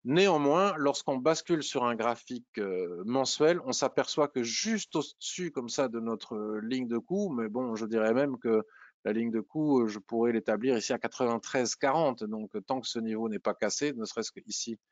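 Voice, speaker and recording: A man's voice: mid-range voice, moderate pace, no echo, dull audio. A man walking through stock charts in a screen-share tutorial, thinking aloud with frequent hesitations and restarts. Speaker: trading analysis presenter.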